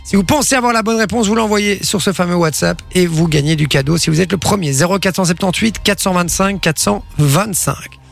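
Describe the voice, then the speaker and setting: A Belgian French man co-hosting evening radio, his voice set high with a gravelly, fry-laden edge. He banters and jokes with the team, then lays out the game rules for listeners in a loose, chatty way. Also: a little fast, soft background music. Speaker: radio co-host running a guessing game.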